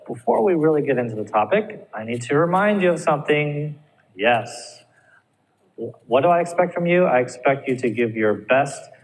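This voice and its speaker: Male ESL teacher, mid pitch, encouraging lecture style, reverberant room with faint background noise. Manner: encouraging, checks in with frequent "all right?". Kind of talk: recorded classroom lecture.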